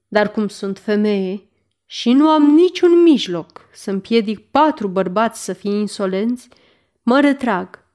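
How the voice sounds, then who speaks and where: A woman reading the lines of a dignified noblewoman who answers a king calmly, firmly and with formal politeness. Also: mid-range voice, natural voice. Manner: calm, firm, formally polite.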